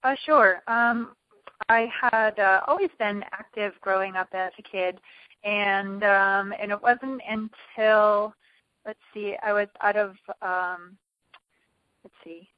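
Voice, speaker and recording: A woman triathlon and swim coach from New England in a phone interview, talking with many pauses and restarts. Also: mid-range voice, steady tone, dry recording. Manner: hesitant, many fillers and restarts. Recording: dull phone line.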